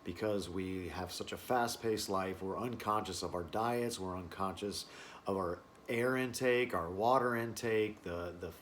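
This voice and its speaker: A man teaching a wellness class informally, explaining in short phrases with halting pauses. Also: sits low, fairly bright tone, a little hiss or hum. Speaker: breathing and stress-relief class instructor.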